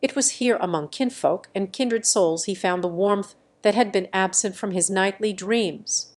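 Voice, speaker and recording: A woman narrating a bedtime story in a calm, slow and soothing way. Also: mid-range voice.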